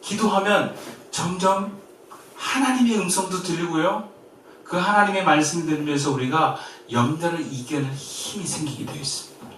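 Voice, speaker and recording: A man from Korea preaching a sermon as pastor, in a lively way that swings from emphatic to soft and gentle. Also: fairly high pitch, moderate pace, slight background noise. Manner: lively, shifts between loud and soft, quiet gentle quoted comfort. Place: church sanctuary. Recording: very echoey church from far off.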